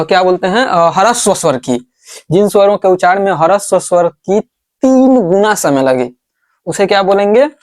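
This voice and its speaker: A man teaching a board lesson, asking the class questions and answering them himself, and repeating words slowly as he writes. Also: sits high.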